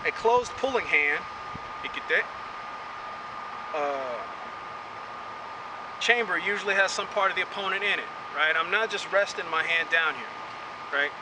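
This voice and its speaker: Speaking a little slowly with long pauses, a high-voiced man who speaks English natively runs an outdoor karate lesson. His manner is chatty, full of "right?", and a distant mic captures wind and passing vehicles.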